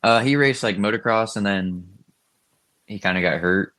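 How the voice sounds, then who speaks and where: A young man being interviewed as a guest. His voice is very low, and he keeps his answers short and easygoing. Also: normal speed, sharp tone. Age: young adult. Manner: laid-back, short understated answers. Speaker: guest racer.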